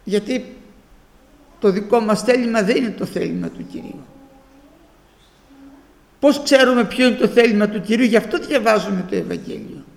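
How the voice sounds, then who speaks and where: A man's voice: sits high, creaky, long pauses, echoey room, big-room sound. A man preaching a sermon with fervour, his voice rising into exclamations as he speaks.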